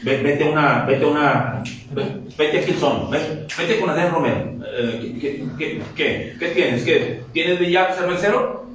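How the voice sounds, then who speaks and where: A man preaching a lively, joking sermon, acting out quick dialogues to his congregation. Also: fairly high pitch, slight background noise. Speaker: pastor. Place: church sanctuary. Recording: very echoey church from a distance.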